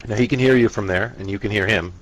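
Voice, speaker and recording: A man acting as game master, narrating a tabletop fantasy game casually in a halting, improvised way. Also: on the low side, no room sound, highs cut off.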